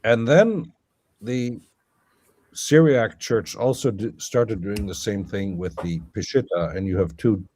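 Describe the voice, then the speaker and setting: Low-voiced man lecturing with restarts. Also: a little slow, darkish tone, slight background noise. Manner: lecturing, thinking aloud with many fillers and restarts. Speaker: guest scholar. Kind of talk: academic conversation.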